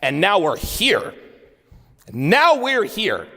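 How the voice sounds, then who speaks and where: In a large, echoing hall, a man in his forties gives a live conference keynote that is blunt and profane, driving home his points with repeated phrases. His high voice swoops wildly in pitch and moves very slowly, sounding gravelly, husky, pushed and bright.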